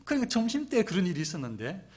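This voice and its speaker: Middle-aged preacher, animated storyteller, husky edge, wide-ranging pitch. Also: male voice, fast. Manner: animated storytelling with acted-out quotes. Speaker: pastor. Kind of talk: sermon.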